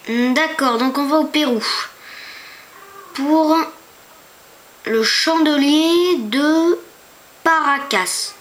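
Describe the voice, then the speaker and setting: Woman, high voice, casual screen-tour narrator, hesitant and chatty, talks straight to viewers, home computer mic. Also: drawn-out words, long pauses. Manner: chatty, hesitant, stumbles over foreign names; talks to viewers with rhetorical questions. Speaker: YouTuber.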